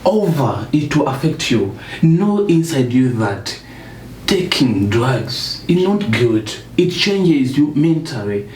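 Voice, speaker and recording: A man's voice: medium pitch, sing-song, slow pace, darkish tone. A man from Uganda, a guest in a motivational discussion, speaking earnestly and stacking up points for emphasis. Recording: echoey room, distant mic, faint noise.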